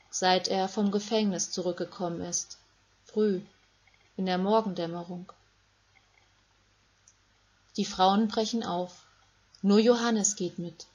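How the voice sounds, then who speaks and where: A woman reading a Bible story aloud in a calm, measured way, with short phrases. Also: medium pitch, breathy edge. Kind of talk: scripted Bible story narration for children.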